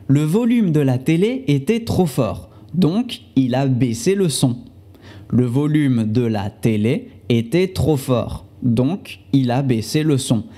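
A man's voice: a little high, warm tone. A young man teaching, a native French speaker giving a language lesson and carefully drilling verb conjugations.

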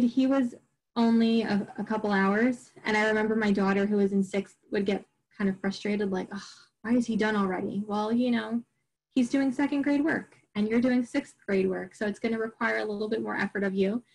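A woman's voice: a little high, fairly even intonation, moderate pace, gravelly, a little mellow, rough recording. Middle-aged woman presenting to parents; casual, rambling delivery with fillers. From Long Island, New York. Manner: chatty, many fillers and restarts. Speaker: homeschool group presenter. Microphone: recorded online program.

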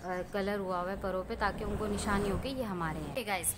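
A woman from Pakistan chats with her vlog audience outdoors on a rooftop, telling a story and showing them around. Her voice sits at an everyday middle pitch. A clear layer of outdoor noise runs behind her. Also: moderate pace. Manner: chatty, storytelling, pointing things out to viewers. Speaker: vlogger. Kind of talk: casual vlog chat.

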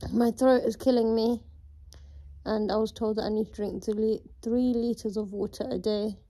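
A young woman chats to her viewers in a casual vlog, her voice shaky and strained from pain. Her tone is soft and mellow, and she keeps talking at an even, everyday pitch. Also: gravelly. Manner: chatty, talks to viewers. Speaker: vlogger recovering from surgery.

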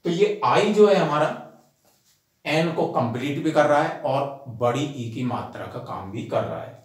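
Indian man teaching in an echoey room. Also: medium pitch. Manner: explains step by step, reads English rules slowly word by word. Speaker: English teacher. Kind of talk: spoken grammar lesson.

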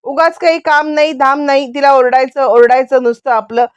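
A grumbling old grandmother nags on and on, as a woman narrator puts her on. The voice stays high and dry. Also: level tone, normal speed, no echo, muffled recording, natural voice. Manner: grumbling, nagging.

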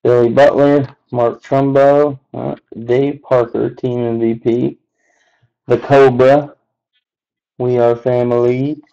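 Man, slow relaxed card-opening commentary, gravelly, dull lo-fi recording. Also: mid-range voice. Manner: slow, relaxed listing of names with asides. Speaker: card box breaker.

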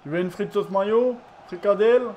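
A tired man, commentating his football video game casually and excitably, shouting at the referee. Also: high-pitched, normal speed, muffled recording, a little hiss or hum. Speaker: gaming YouTuber.

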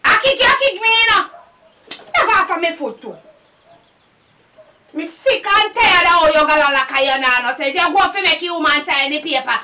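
A Jamaican actress playing a nagging, demanding girlfriend, scolding and shouting in a sing-song patois. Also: very high voice, normal speed, full character voice. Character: nagging, demanding young woman, sharp-tongued girlfriend. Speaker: actress in a low-budget film. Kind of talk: Jamaican film acting in patois. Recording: distant mic with faint noise.

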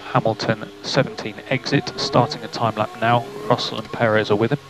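A male race engineer giving calm, terse team radio calls of gaps and instructions to his driver. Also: lowish voice, fairly quick, music in the background, low-quality recording. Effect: team radio to the driver's car.

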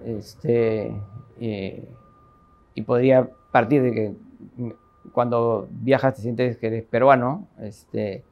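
A reflective Peruvian man in his forties talks at an even, unhurried mid pitch. He muses aloud, filling pauses and ending thoughts with a questioning tag, seated in an office. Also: highs cut off. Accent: Peruvian Spanish, Lima. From Lima, Peru. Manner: thoughtful, many fillers and "¿no?" tags. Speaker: architect interviewee. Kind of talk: reflective interview monologue. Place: office with bookshelves, indoors.

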